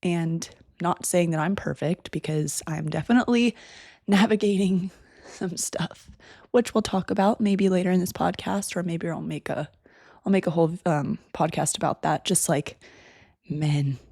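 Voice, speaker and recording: A woman's voice: fairly low pitch, steady tone, normal speed, creaky, a little mellow, dry recording, studio quality. A young woman in her twenties hosting a casual solo podcast, chatty and rambling, sounding a bit congested. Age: 20s. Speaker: podcast host. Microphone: desk microphone.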